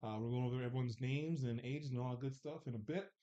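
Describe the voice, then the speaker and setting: A man's voice: medium pitch, quick pace, mellow, lo-fi sound. A man in his forties hosting a live dating panel show in a loose, joking way, with filler words and restarts. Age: 40s. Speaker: host.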